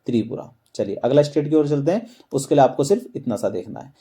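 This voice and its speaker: A man's voice: mid-range voice, animated, quick pace, warm tone. A man teaching a map lesson, quizzing listeners with repeated questions and then answering them himself. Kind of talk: explaining a map lesson with memory tricks.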